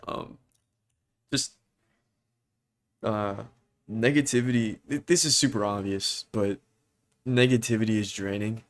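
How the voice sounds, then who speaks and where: A young man talking earnestly to his viewers in a halting, hesitant way, full of restarts and pauses as he searches for words. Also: lowish voice, steady tone. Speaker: vlogger. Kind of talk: personal talk to camera.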